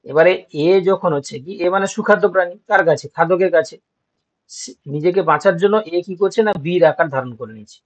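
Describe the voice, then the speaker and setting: A man's voice: sits high, quick pace. A man teaching an exam-prep lecture, explaining step by step and asking his students checking questions. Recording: dull lo-fi.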